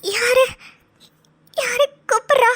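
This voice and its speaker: A woman voicing a young woman who wakes weak and confused, speaking slowly through tears, in an animated cartoon. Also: extremely high pitch, heavily acted. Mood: dazed. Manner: weak, faltering, slow.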